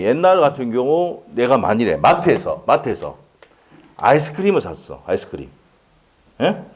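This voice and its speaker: With a medium-pitched, somewhat dark voice, a man gives a relaxed law lecture, posing questions and answering them himself. He laughs a lot and jokes with his students.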